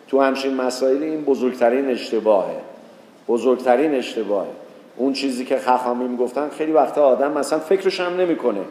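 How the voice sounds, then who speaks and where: A man giving a religious talk, telling a story and acting out the people in it with rising pitch. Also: dark tone. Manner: storytelling, acts out quoted voices with rising pitch. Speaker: religious teacher. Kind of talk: sermon with a told story. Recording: echoey hall with long reverb.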